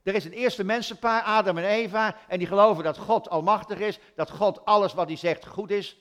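A man's voice: high voice, fairly quick, a bit bright. A man preaching a sermon in a church, retelling stories conversationally with rhetorical questions.

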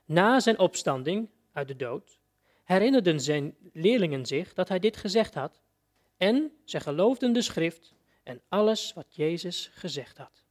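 A man's voice: high-pitched, lively intonation, measured pace. A man preacher giving a sermon, telling a story vividly and addressing his listeners directly.

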